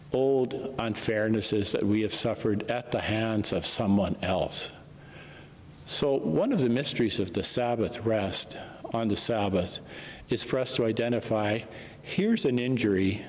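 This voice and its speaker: A man, a priest, reading the gospel and preaching a homily in a slow, measured way, his voice ringing in the long reverb of a large church. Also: lowish voice. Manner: slow, measured, unhurried delivery.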